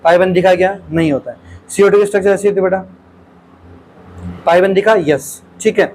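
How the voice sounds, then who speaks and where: A man's voice: sits high, steady tone, brisk, a little mellow, a little hiss or hum, poor audio. A male teacher solves exam questions aloud in a lecture, keeps calling his students "beta", and asks questions and repeats the answers.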